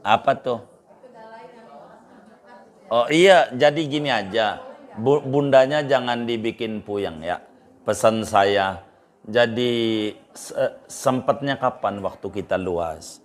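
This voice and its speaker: A middle-aged man, a cleric giving informal religious advice, repeating phrases for emphasis and jumping in pitch. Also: slow, pauses often. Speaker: Islamic cleric.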